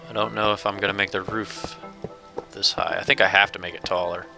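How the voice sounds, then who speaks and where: A man with a lower, gravelly voice that still comes across bright and forceful, casually narrating his own gameplay. He thinks aloud, muses, and chuckles here and there, with faint game music behind him. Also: level tone, brisk. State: hiccups. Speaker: gaming channel host. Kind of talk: casual let's-play commentary.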